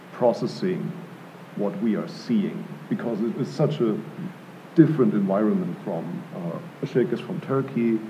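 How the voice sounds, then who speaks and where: A man's voice: on the low side, a little hiss or hum. A man in his thirties from Germany, answering at an art gallery panel in a thoughtful, hesitant way with many fillers and restarts. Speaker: panel artist. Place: art gallery panel before a live audience. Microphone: table mic on stand. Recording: dull lo-fi live room sound.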